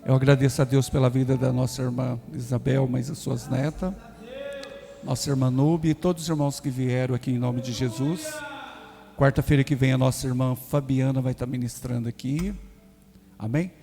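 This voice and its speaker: A man's voice: mid-range voice, steady tone, normal speed, gravelly. A man preaching in a church, telling a personal story and acting out what each person said. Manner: folksy storytelling with acted dialogue. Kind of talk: sermon testimony. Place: church sanctuary. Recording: reverberant church hall with music.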